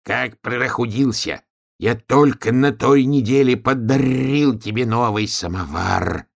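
A man voicing a gentle, timid little male donkey in a fairy tale, speaking softly, slowly and plaintively. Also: mid-range voice, gravelly, pitched above the performer's own voice.

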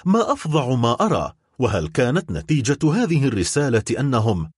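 A man's voice: medium pitch, wildly swooping pitch, brisk, slightly rough, no room sound, clean studio sound. A man voicing a grieving, desperate middle-aged noblewoman who pleads and cries out in an audiobook reading. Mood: despairing plea.

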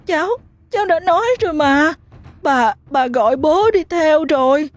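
A woman's voice: sits high, normal speed, dry recording, pitched above the performer's own voice, close to an everyday voice. Woman doing a sobbing little girl. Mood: sobbing terror. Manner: crying, choked pleading. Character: small girl, terrified and sobbing.

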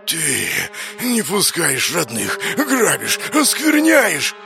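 A man voicing a towering vengeful male undead ghost, speaking in slow, broken, whispery rasping phrases. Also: fairly high pitch, big pitch swings, pushed and bright, faint music behind, voice pushed up, full character voice. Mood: furious. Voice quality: slow eerie whispery rasp.

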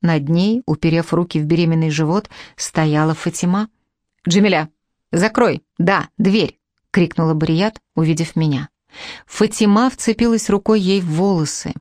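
Low-voiced woman reading an audiobook. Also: moderate pace, dark tone, no echo, studio quality. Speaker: audiobook narrator. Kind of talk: audiobook narration.

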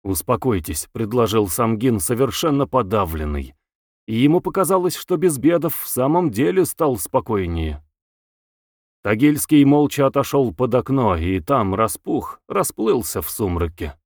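A man narrating a novel in an expressive literary reading. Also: medium pitch, moderate pace, no room sound, clean studio sound. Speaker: audiobook narrator. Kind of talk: scripted narration.

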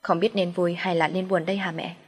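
A woman voicing a young wife, firm in retorts and gentle with her mother-in-law. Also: lowish voice, flat delivery, a little fast, husky, faint music behind.

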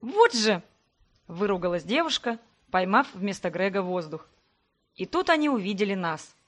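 A woman narrating a first-person novel in a measured, even reading. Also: medium pitch. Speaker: audiobook reader.

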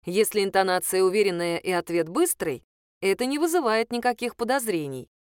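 A woman narrating an audiobook in an expressive storytelling manner. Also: mid-range voice, fairly quick, clean tone, no echo, clean studio sound. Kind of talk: scripted narration.

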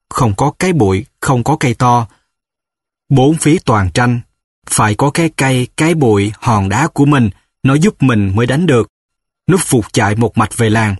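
A male narrator reading a story at a measured, rhythmic pace, with a mid-range voice. The recording is very dry and close, with no room sound. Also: medium pitch, slightly rough, no echo.

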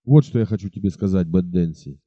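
A man voicing a jealous, threatening village woodsman in an audiobook, low and forceful. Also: a little fast, no room sound, lo-fi sound. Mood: pleading. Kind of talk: audiobook character voice.

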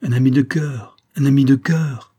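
Guy reading a keen young lieutenant, friendly, quick to ask things, dark husky voice. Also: fairly low pitch. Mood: warm.

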